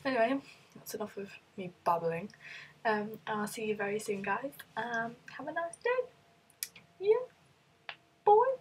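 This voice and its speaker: This ill British woman vlogs casually, answering a set of questions with meandering talk and frequent fillers, her voice rough from sickness. She speaks in a fairly high, sing-song way, a little slowly and with long pauses, over slight background noise.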